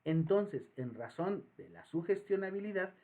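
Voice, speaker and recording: Animated Mexican professor, tinny line. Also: male voice, sits high, measured pace. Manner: animated, acts out voices in anecdotes. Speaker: psychology professor. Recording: tinny phone-like audio.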